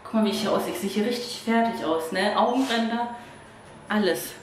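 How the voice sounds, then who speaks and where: Holding the camera at arm's length, a woman in her thirties vlogs about her travels from a hotel lobby and the street. She speaks fairly quickly in a mid-range voice, rambling and chatty, worn out by the humid heat, and often adds "genau" and "ne?". The recording is rough, with a little hiss or hum.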